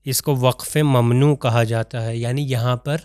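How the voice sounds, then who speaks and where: A man teaching an online Quran recitation lesson, explaining step by step with examples and reciting Arabic verses slowly. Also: mid-range voice, steady tone, a little mellow, no echo, clean studio sound.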